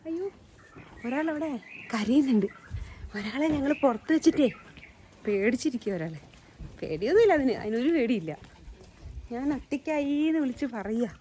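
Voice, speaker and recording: A woman's voice: sits high, animated, moderate pace, pauses often, mellow, slight background noise. A woman hosting a casual walking vlog outdoors in her garden, talking into a handheld phone and coaxing her pets in baby talk. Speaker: vlog host.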